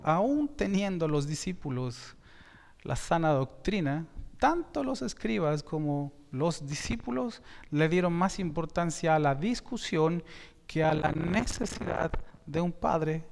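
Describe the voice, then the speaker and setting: Slow preacher guy, kinda high voice, gets loud on key words, fixes his own slips, big echoey church. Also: lively intonation, gravelly. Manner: slow, emphatic preaching with sudden rises in volume; repeats and corrects himself mid-sentence. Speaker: pastor. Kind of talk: sermon. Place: church sanctuary. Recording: long reverb in a church hall.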